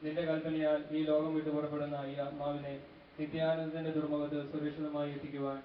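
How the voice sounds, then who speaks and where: A man leading funeral prayers, reciting steady chanted intercessions. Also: on the high side, a little fast. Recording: distant, echoey, dull recording with faint noise.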